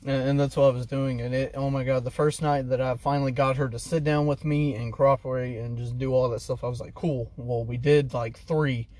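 A man's voice: medium pitch, brisk, hardly any pauses. Young man, swearing storyteller. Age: young adult. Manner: animated storytelling, swears freely. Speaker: friend in conversation. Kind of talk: casual chat.

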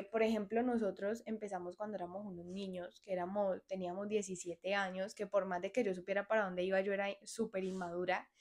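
Young woman in her twenties, podcast host, earnest and frank, advice-giving, medium pitch. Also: a little mellow. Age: 20s. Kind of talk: solo podcast monologue.

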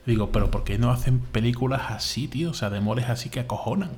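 A man from Spain with a Spain Spanish accent, co-hosting a podcast in casual, animated chat, full of fillers and repeats. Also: medium pitch, quick pace. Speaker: podcast co-host.

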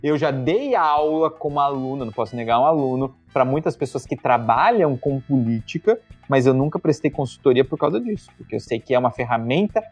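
A man's voice: medium pitch, lively intonation, a little fast, few pauses, slightly rough, faint music behind. A man who teaches communication, speaking in an interview and explaining things emphatically and bluntly, sometimes swearing casually. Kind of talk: conversational interview, analytical.

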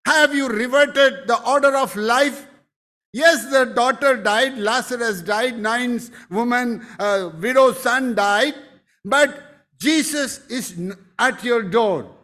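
High-pitched, slow-preaching pastor. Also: male voice, sharp tone. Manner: emphatic preaching, breaks into exclamations. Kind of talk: sermon.

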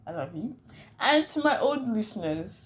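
A woman's voice: medium pitch, very animated, moderate pace. A young woman hosting her own podcast, rambling casually and playfully dramatic. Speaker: podcast host. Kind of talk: casual solo podcast chat.

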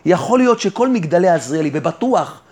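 A rabbi giving a fervent sermon, who keeps asking the listener rhetorical questions and answering them himself. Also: male voice, high voice, sing-song, darkish tone. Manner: fervent, exhorting the listener directly. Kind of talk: sermon on faith and trust.

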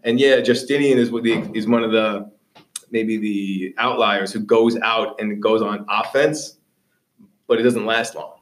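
A male teacher leads a classroom discussion in a fairly low voice. He explains conversationally and often checks that listeners follow, sounding slightly away from the microphone. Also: steady tone, a little slow, far from the mic, slight background noise. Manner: explanatory, checks understanding with "right?". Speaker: history teacher and show host.

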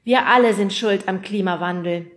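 A woman voicing a kind, soft-hearted young girl who speaks gently. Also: mid-range voice, normal speed, natural voice. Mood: caring.

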